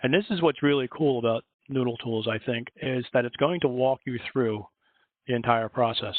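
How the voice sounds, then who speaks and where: A librarian with a Philadelphia accent gives a chatty, rambling workshop presentation on a video call, correcting himself as he goes. His medium-pitched voice moves at normal speed, and the audio is dry and tinny like a phone, with no echo.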